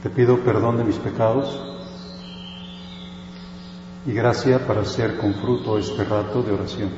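A man leading prayer and a spoken meditation in a reflective way, often pausing on filler words. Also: fairly low pitch, steady tone. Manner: reflective, frequent "pues" fillers. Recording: dull echoey hall with faint hiss.

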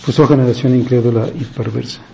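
A priest giving a reflective, conversational meditation on a gospel reading, pausing often and speaking in a gentle, searching way. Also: male voice, medium pitch, steady tone, gravelly. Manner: reflective, conversational preaching with many pauses and fillers. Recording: slightly dull, faint background noise.

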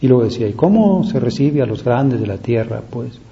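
A man preaching a reflective devotional sermon, slow and thoughtful, asking rhetorical questions with pauses between them. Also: mid-range voice, animated, vocal fry, dull audio.

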